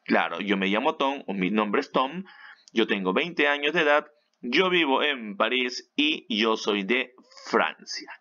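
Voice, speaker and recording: A man's voice: medium pitch, lively intonation, measured pace, sharp tone, highs cut off. A man, teaching an online English lesson in a chatty way that keeps checking in with the listener. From Peru. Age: 30s.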